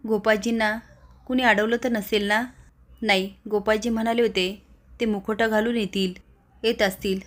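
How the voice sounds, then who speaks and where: A woman's voice: medium pitch, little pitch movement, normal speed, close to an everyday voice. A woman voicing an anxious young village woman who is waiting for someone. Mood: worried. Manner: worried.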